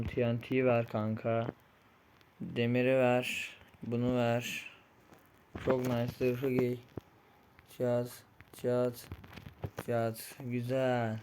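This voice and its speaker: A young man commenting on his own game play, frustrated and pleading, muttering one moment and yelling the next. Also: mid-range voice, slight background noise. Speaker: gaming streamer. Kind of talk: Minecraft-style game commentary.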